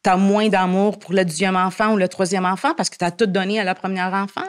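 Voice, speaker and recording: A woman's voice: medium pitch, flat delivery, brisk. Earnest woman guest making her case. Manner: earnest, argumentative, many restarts. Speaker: guest columnist. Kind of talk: podcast interview conversation.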